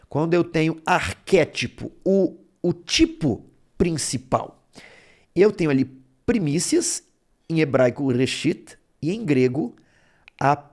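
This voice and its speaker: Slow, lively-voiced male Bible teacher. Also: a little high. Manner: explains word roots step by step, checking in with "tá bom?" and "né?". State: throat bothering him. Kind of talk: explanatory Bible lesson.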